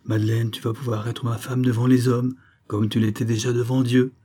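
A man's voice: medium pitch, little pitch movement, a little fast, mellow, close to an everyday voice. A man voicing a scheming villainous count who feigns emotion in theatrical exclamations, read in an audiobook.

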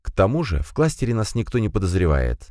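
A man reading a storybook, voicing a brisk, decisive woman. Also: fairly low pitch, very animated, darkish tone, no echo, studio quality, voice pushed up.

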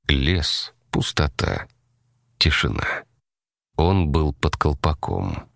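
Deep-voiced man narrating an audiobook. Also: gravelly, fairly bright tone, dry recording, studio quality.

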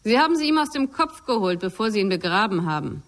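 A woman's voice: mid-range voice, sing-song, fast. An actress playing a cold, mocking woman who speaks in a dry, taunting way in a radio drama. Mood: sardonic.

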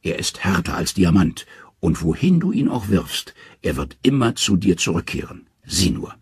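A man voicing a proud, grim male dwarf smith who speaks slowly and solemnly. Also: low-pitched, wildly swooping pitch, husky, dry recording, clean studio sound, heavily acted.

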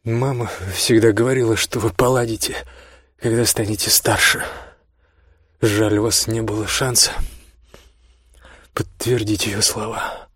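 A man voicing an angry, grieving young man who shouts bitterly at his brother. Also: lowish voice, little pitch movement, a little slow, pauses often, slightly rough, no room sound, clean studio sound.

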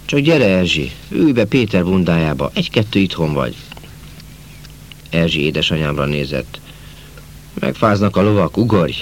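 A man voicing a brisk, friendly young gentleman. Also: sits low, lively intonation, slight background noise.

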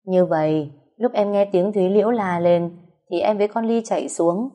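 A woman with a Southern Vietnamese accent voicing a shrewd middle-aged second wife who speaks in a measured, reasoning way. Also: mid-range voice, close to an everyday voice. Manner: measured, reasoning, a little sharp.

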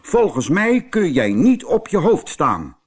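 Guy doing a loud show-off bull from a storybook, high and blustery, bit husky. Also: sing-song, slow pace, exaggerated voice. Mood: boastful. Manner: bragging, blustering, stammers when stuck. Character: boastful lazy fat male bull, dim.

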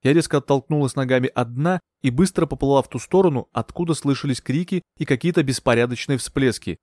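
A man narrating a first-person audiobook in a steady, measured storytelling manner. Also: medium pitch, dry recording, studio quality. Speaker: audiobook reader.

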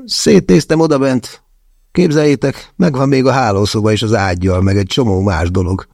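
A man voicing an easily offended, hot-headed young man who bursts out in shrill, indignant protest. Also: fairly even intonation, vocal fry, darkish tone, no room sound, studio quality. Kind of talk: audiobook character voice.

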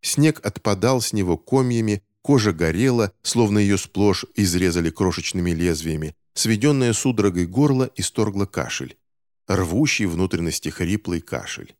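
A man reading a novel aloud in measured scripted narration. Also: deep voice, lively intonation, darkish tone, no echo, studio quality. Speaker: audiobook narrator.

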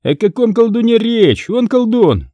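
A man voicing a brash, fearless young smith's helper who shouts and talks back. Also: sits high, sing-song, a little slow, dry recording, dull audio, pitched above the performer's own voice.

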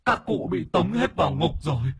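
A man's voice: on the high side, expressive, moderate pace, creaky, husky, no echo, studio quality, voice pushed up, heavily acted. A man voicing the ghost of a middle-aged man speaking through a possessed woman, shrieking and pleading in terror. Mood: panicked pleading.

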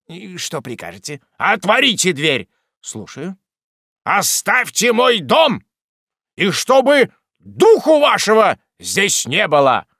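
A man's voice: fairly high pitch, sing-song, slow pace, hardly any pauses, sharp tone, no room sound, clean studio sound, full character voice. A man voicing a pompous, blustering middle-aged magistrate in a storybook reading.

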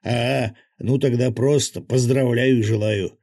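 A joking soldier who talks over the radio in the middle of a fight, as a narrator puts him on. He teases in slow, drawn-out words with a slightly raised voice. This is an audiobook figure. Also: mid-range voice, steady tone, dark tone, no room sound, studio quality, pitched above the performer's own voice. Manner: teasing, drawn-out joking delivery.

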